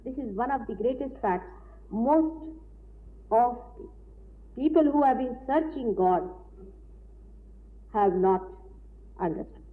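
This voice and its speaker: This old lecture tape sounds tinny, with a faint hiss, as a woman who is a spiritual teacher gives a talk. Her voice sits on the high side with lively intonation, and she explains things deliberately with frequent pauses.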